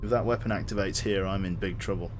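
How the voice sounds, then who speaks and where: A man's voice: low-pitched, steady tone, fast talker, slight background noise. A man giving gameplay commentary and spoken commands, muttering to himself and swearing. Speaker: gamer commentating on own play.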